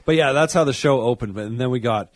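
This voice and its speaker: A man co-hosting a casual wrestling podcast, rambling and animated, breaking into loud excited bursts. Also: mid-range voice, fast talker, dry recording. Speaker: podcast co-host. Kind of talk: casual chat about wrestling.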